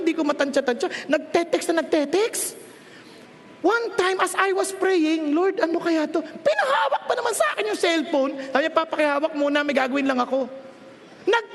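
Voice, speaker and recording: A middle-aged man with a Filipino accent delivers a lively sermon in a very high-pitched voice, acting out the people he quotes. His voice rings through a large church hall with a long, trailing reverb. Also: vocal fry, slight background noise. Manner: lively preaching, mixing Tagalog and English, acting out quotes. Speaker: pastor.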